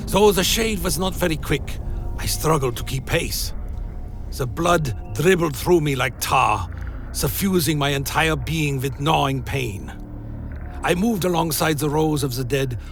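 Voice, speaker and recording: Male storyteller, solemn dark fantasy narration, gravelly edge, faint musical bed. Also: medium pitch.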